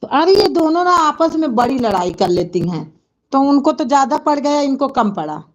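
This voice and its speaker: A woman's voice: high voice, very animated, normal speed, rough recording. A woman hosting a casual live stream, chatting with viewers and scolding and soothing children in between.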